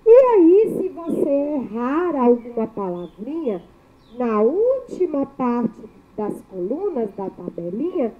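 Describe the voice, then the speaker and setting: A woman teacher giving a children's spelling lesson, sounding out syllables slowly and clearly in a sing-song way. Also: high voice, very animated. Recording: thin phone-like audio.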